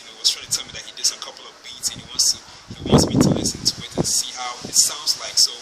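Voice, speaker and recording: A young man from Liberia, a musician guest in an interview, answering in a halting way with many fillers and restarts. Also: mid-range voice. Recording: noisy background.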